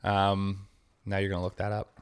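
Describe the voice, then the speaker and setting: A man co-hosting a sports podcast, chatting loosely and circling back on his own sentences. His voice sits a little low. He talks in easy, unpolished bursts full of ums and uhs. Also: monotone, normal speed, smooth. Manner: rambling, many fillers and restarts, laughs often. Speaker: podcast co-host. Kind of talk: casual sports chat.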